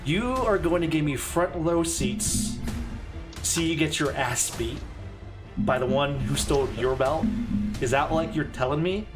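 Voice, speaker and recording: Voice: mid-range voice, lively intonation, measured pace, music in the background, close to an everyday voice. Game master doing a haughty goddess. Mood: mocking. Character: haughty female goddess striking a bargain.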